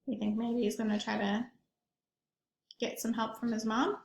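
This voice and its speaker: A high, gravelly female voice at a moderate pace tells a picture-book story to little ones, full of expression and emphasis. She breaks off now and then with simple questions for the children, and the room echoes around her.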